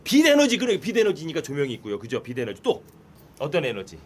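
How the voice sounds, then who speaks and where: A man teaching a science lesson to children in a classroom, playful and quizzing his pupils with quick questions. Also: a little high, wildly swooping pitch, breathy edge.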